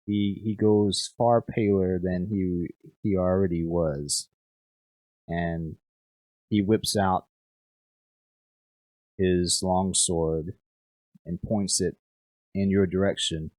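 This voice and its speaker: A man running a tabletop game as game master, narrating haltingly with many restarts. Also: low-pitched, fairly even intonation, darkish tone, dry recording.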